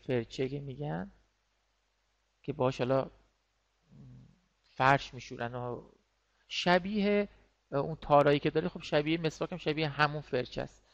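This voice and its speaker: A man teaching a class, explaining words patiently and repeating them, with many fillers. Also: a little high. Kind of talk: online class lesson. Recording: dull lo-fi sound.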